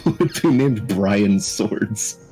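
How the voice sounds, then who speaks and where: Low, mellow-voiced young man. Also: lively intonation, slow pace, soft background music, low-quality recording. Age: young adult. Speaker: podcast co-host. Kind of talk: casual chat.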